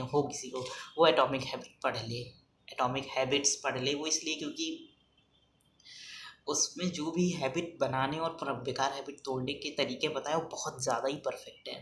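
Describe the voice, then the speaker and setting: A young man vlogging in a casual, rambling way, talking softly and hesitantly with many fillers. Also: medium pitch. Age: young adult. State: speaking softly, kept quiet. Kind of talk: casual rambling vlog talk. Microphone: phone front camera. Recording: echoey room, faint background noise.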